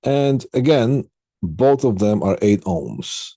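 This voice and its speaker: A man with a lowish, mellow, animated voice gives an informal technical lecture as an instructor, explaining things step by step in a halting manner and asking his students questions. The recording is dry and of studio quality.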